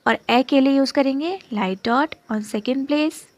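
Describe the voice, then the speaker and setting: A woman's voice: sits high, unhurried, no room sound. A woman teaching a shorthand lesson step by step, patiently repeating terms and checking in with "okay?" as she writes. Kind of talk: step-by-step lesson while writing.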